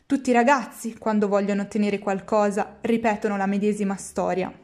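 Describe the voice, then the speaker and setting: A woman voicing a patient, kindly old man, a poor father, speaking lower and softer. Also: steady tone, fairly quick, natural voice. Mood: stern.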